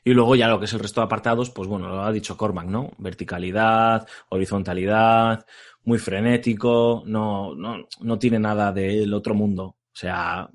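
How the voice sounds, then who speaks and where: A man's voice: on the low side, fairly even intonation, normal speed. A man with a Castilian Spanish accent giving a casual game review on a podcast, conversational and full of tag questions.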